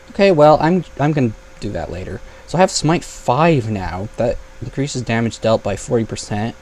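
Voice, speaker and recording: Casting note: young male gamer, gravelly edge, chatty and thinking aloud, faint hiss behind. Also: mid-range voice, a little mellow. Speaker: gaming YouTuber. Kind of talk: casual gameplay commentary.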